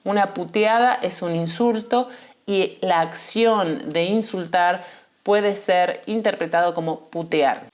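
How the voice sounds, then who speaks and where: Argentine woman, teacher-style explainer, patient and clear, mid-pitched, drags out key words for emphasis. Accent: Argentine Spanish. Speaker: Spanish teacher. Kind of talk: explanatory language lesson.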